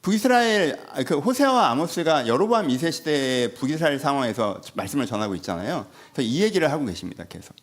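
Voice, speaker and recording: A man's voice: medium pitch, fast talker, hardly any pauses. A male pastor giving a Sunday sermon in a conversational way, often asking the congregation questions and acting out dialogue. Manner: animated, conversational, acts out quoted dialogue.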